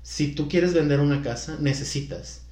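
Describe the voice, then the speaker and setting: A man's voice: a little high, moderate pace, warm tone. Man, co-host, easygoing explainer in a roomy echo. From Culiacán, Mexico. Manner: chatty, explanatory, laughs easily. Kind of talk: casual chat.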